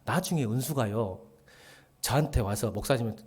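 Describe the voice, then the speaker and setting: A middle-aged man preaches a relaxed midweek sermon in a lively, fairly high voice that rises and falls a lot. He jokes with the congregation, slips into quoted dialogue, and sometimes sinks to a soft murmur. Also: moderate pace. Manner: chatty and joking, acting out quoted dialogue, often dropping to a murmur. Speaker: pastor.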